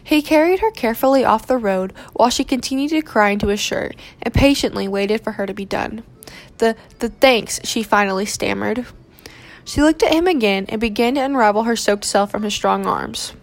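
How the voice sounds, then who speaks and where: Gravelly woman reading a novel aloud. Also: fairly high pitch, brisk. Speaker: narrator. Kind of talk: scripted audiobook narration.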